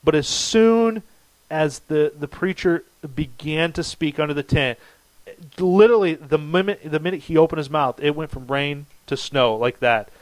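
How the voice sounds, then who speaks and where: A man's voice: a little high, normal speed, dry recording, low-quality recording. Rambling man telling a story. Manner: rambling, animated storyteller with many restarts. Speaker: podcast co-host. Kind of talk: casual storytelling chat.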